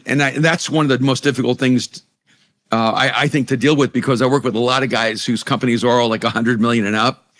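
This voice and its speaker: With a mid-range voice and a fairly bright tone, a middle-aged pastor and author from El Salvador speaks earnestly in a conversational interview. Spanish is his native language, and he frequently restarts his sentences and repeats words.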